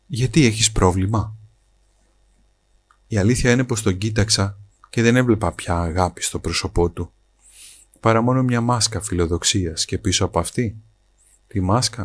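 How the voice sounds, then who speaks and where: A man narrating a scripted story in a measured, even way. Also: on the low side, no echo.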